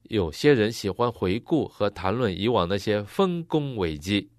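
Low, lively male sermon interpreter. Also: normal speed, no room sound, clean studio sound.

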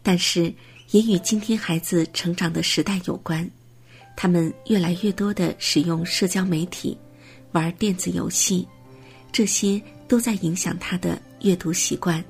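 Low, gravelly woman narrating a script. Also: faint music behind. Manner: steady, measured reading of a prepared text.

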